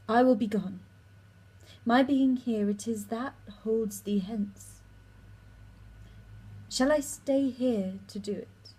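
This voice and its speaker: A woman performing a guilt-torn lovesick young noblewoman in a slow, impassioned Shakespeare recital. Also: mid-range voice, a little mellow, husky, rough recording.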